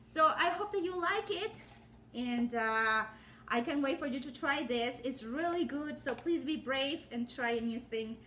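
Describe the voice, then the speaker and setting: A Spanish-speaking woman who hosts a home cooking channel chats casually while demonstrating a cooking technique in her kitchen, rambling with lots of fillers and self-corrections. Her voice is high-pitched, expressive, bright and forceful, and a little slow. A phone or camera on the counter frames her from the waist up, and there's a slight hiss or hum.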